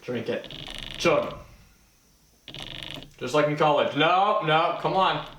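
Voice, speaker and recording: A man's voice: on the high side, slow, a bit bright, a little hiss or hum. A man hosting a challenge video with casual banter, joking and goading his friend along. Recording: echoey room, far from mic, music.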